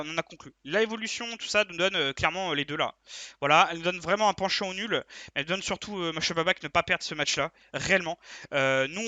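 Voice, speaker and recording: A young man runs through his betting tips in rapid, bright, slightly high speech. He gets hyped and urgent, hammering his picks again and again. The sound is dry and close, with no room around it. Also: no room sound. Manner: hyped, urgent, repeats himself. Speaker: sports betting tipster. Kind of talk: casual betting tips monologue.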